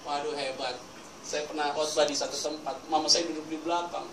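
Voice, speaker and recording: Pastor guy preaching, fairly high voice, telling stories and throwing questions to the crowd, echoey hall far off the mic, noisy. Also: level tone, a little fast. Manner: storytelling with call-and-response to the congregation. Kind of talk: sermon. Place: church hall. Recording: echoey hall mic from a distance with ambient noise.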